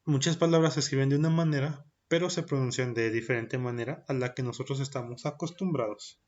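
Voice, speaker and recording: A man with a steady, mid-range voice teaches a recorded French lesson for young kids, though the recording is muffled. He goes slowly, giving each item in French, echoing it in Spanish, and carefully drilling how it is pronounced.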